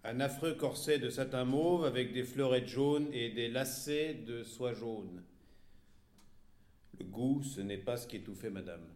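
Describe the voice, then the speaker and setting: A man's voice: mid-range voice, a little slow, a little mellow. A man reading a novel aloud expressively, with occasional hesitations. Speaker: narrator. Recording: roomy echo.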